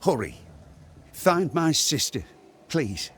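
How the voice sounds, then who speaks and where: A man acting a superstitious, plaintive rustic farmer in a video game, with a husky, colloquial delivery. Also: fairly high pitch, sing-song, takes it slowly, fairly bright tone, a little hiss or hum, full character voice. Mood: worried, pleading.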